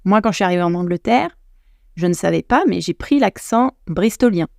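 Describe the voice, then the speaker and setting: A woman's voice: lowish voice, expressive, fairly quick, creaky, warm tone, dry recording, clean studio sound. A French woman hosting a podcast, giving casual advice to the listener in a chatty way, full of restarts. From France. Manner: chatty, addresses listener directly, many restarts. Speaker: podcast host, English coach.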